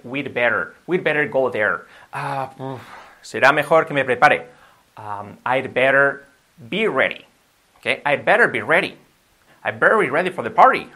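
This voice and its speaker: A man's voice: medium pitch, bright, forceful tone. A man with a Spain Spanish accent, giving an upbeat, patient video lesson as a language teacher.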